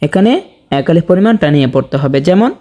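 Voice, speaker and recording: A man teaching Quran recitation step by step, explaining slowly and deliberately. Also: a little high, expressive, dark tone. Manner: slow, deliberate explanation with drawn-out sample recitation.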